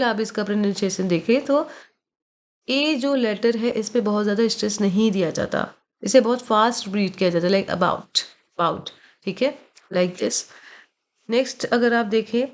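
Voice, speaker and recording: A woman teaching English pronunciation, mixing languages, slowing down to spell out and repeat words and often checking in with her listeners. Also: medium pitch. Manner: slow, careful spelling-out of words, frequent "thik hai" check-ins. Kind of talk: explaining a textbook in Hindi mixed with English.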